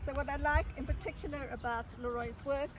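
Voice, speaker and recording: A woman's voice: high-pitched, fairly even intonation, fairly quick. A woman interviewing an artist outdoors at a zoo, speaking in a reflective, musing way. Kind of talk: casual interview. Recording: distant mic, loud outdoor noise.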